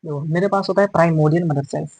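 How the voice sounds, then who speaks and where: A man's voice: on the high side, fairly even intonation, rapid-fire, vocal fry, darkish tone, husky, no echo, rough recording. A man teaching biology in a classroom-style lecture, repeating and correcting terms as he explains and mixing English words into his talk. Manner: mixes English terms into Hindi.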